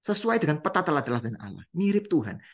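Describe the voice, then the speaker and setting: A man's voice: fairly high pitch, big pitch swings, brisk. A man preaching a Bible study, who asks his listeners questions, answers them himself and repeats key phrases for emphasis.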